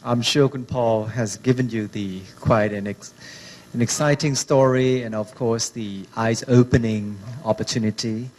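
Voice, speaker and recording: A man introducing a speaker as master of ceremonies, in formal but hesitant, measured phrasing. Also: mid-range voice, steady tone, darkish tone, slight background noise.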